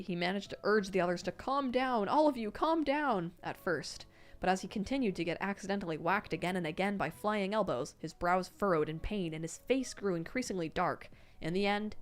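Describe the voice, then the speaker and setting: A woman reading a novel aloud on a stream, doing lively character voices and breaking off for chat asides. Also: on the low side. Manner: lively character voices, frequent laughs and self-corrections.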